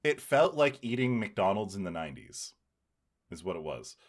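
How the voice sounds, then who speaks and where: A man's voice: on the low side, very animated, normal speed. A man hosting a casual podcast, speaking in a playful, wordy, mock-dramatic way. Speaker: podcast host.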